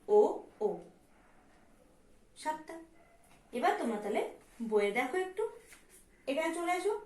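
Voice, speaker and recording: A woman's voice: very high-pitched, a bit bright. A woman teacher with a West Bengal Bengali accent, patiently explaining a lesson to young pupils, repeating terms and asking and answering her own questions. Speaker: primary school teacher. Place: classroom with board. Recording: echoey room, mic far off.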